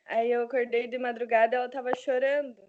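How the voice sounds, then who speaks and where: A young woman in a student's role speaks up in an online class, rambling through her account with plenty of fillers. Her voice sits a little high, and the audio comes through dull and lo-fi. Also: flat delivery, a little fast, slight background noise. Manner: rambling, many fillers like "assim, sabe". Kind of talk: student telling a story in class.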